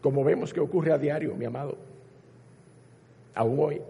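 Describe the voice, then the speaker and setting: A man's voice: on the high side, moderate pace, gravelly, mellow, slightly rough. A man preaching a sermon as pastor, building emphasis through repetition. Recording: long hall reverb.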